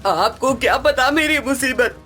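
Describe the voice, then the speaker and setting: A woman's voice: high voice, unhurried, pushed and bright, soft background music. A woman voicing a strict, bossy middle-aged mother-in-law in a cartoon, stern and scolding.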